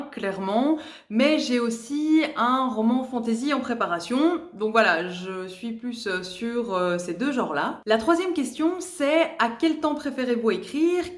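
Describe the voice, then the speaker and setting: A woman with a slightly high voice talks openly and chattily about her writing in a casual vlog. She is an aspiring novelist working through a series of tag questions. Her voice rings a little in a roomy, echoey space. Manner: candid, chatty.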